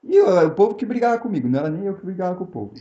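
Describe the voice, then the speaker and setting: A man, joining the casual podcast chat with relaxed, brief, wry remarks. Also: sits high, very fast. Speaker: podcast co-host. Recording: roomy, dull lo-fi sound.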